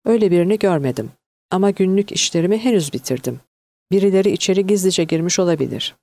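A woman reading the lines of a male security guard in an audiobook, talking quickly and eagerly. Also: lowish voice, animated, warm tone, no room sound. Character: hurried male security guard in his uniform.

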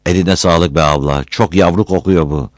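A man voicing a hungry, simple-minded village man who talks loudly, pleading and coarse. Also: sits low, moderate pace, no room sound, studio quality, lightly acted. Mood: wheedling. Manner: loud, shouting and wheedling.

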